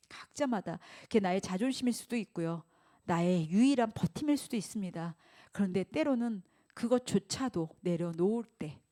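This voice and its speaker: A woman pastor preaching a Sunday sermon, putting rhetorical questions to the congregation and acting out quoted speech. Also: medium pitch. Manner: acts out quoted speech in lively voices.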